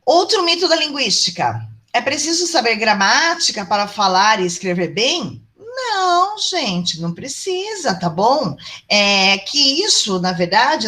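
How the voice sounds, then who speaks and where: A woman's voice: medium pitch, pushed and bright. Chatty Brazilian woman teaching online. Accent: Brazilian Portuguese. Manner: chatty, affectionate, asks the class "tá bom?". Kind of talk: online university lecture.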